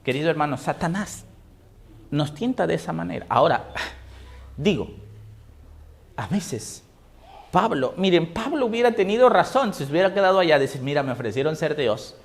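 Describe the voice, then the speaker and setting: A man preaching a sermon, asking the congregation questions and answering them, moving between loud emphatic scripture reading and low, quiet asides. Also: animated, normal speed, creaky, pauses often. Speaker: pastor.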